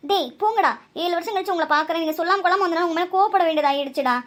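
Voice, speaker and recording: A high-pitched, fast-talking cartoon mother with a Tamil Nadu lilt, voiced by a woman. She scolds sharply one moment and fusses tenderly over her grown sons the next, always quick and brisk. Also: a bit bright. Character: strict, loving middle-aged village mother. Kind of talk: cartoon voice acting.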